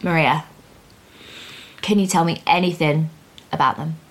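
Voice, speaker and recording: In an unhurried, low voice, a young woman teaches finance exam material on her casual podcast. She keeps the explanations plain, chatty, and upbeat.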